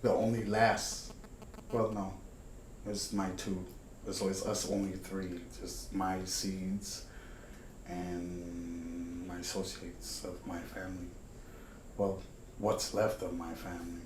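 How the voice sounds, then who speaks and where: A man from the Caribbean telling his story in an oral history interview, lively and often leaping up in pitch. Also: slow, noisy background. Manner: animated, jumps high in pitch when telling stories. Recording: roomy with faint ambience.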